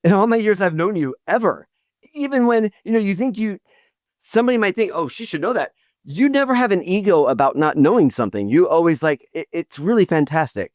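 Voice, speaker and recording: Man hosting, raised-pitch conversational voice. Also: animated, brisk, darkish tone, no echo, studio quality. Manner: admiring, with frequent restarts and filler words. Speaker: podcast host. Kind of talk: interview conversation.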